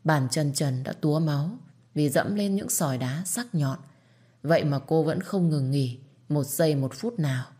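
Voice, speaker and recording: A woman narrates a story with a low-pitched voice. Her reading is measured and somber, steady from line to line. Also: breathy edge. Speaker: audiobook narrator.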